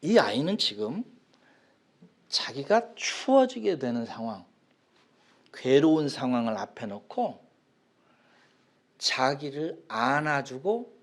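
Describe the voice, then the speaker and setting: Korean pastor guy preaching, voice jumps all over, goes loud then drops to a whisper. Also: medium pitch. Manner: animated preaching, swings from loud cries to near whispers; asks the congregation questions and acts out a child's cries. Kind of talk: sermon.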